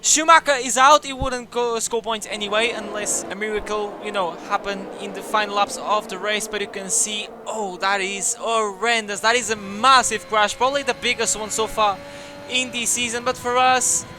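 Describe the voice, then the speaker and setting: A young man commentating his own racing game career with energetic, jokey delivery that bursts into shouts at crashes. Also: high voice, normal speed, noisy background. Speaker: gaming YouTuber.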